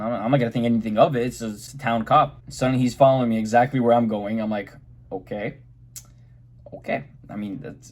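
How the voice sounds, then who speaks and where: A young man tells a casual vlog story in his middle-pitched voice. He is animated, swears freely, and jumps into quick imitations of the people he quotes. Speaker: car vlogger.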